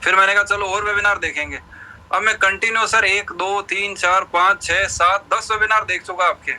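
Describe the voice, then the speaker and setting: A man's voice: high-pitched, steady tone, moderate pace, sharp tone, rough recording. A man from Rajasthan, a guest, telling his story in a chatty way and acting out quoted dialogue. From Rajasthan, India. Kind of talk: recounting his story in an interview.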